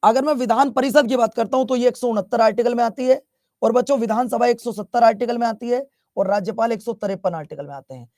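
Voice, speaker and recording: High-voiced teacher man, Bihar Hindi accent. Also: fast talker, a little mellow, dry recording, clean studio sound. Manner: chatty, repeats questions, scolds playfully. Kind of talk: classroom lecture.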